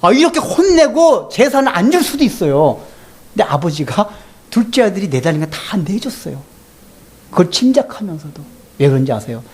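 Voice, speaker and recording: A middle-aged man, a pastor, preaching a sermon in an animated way, often repeating words as he starts a phrase and acting out quoted voices. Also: high voice, normal speed, husky. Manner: animated, acts out quoted voices of father and son.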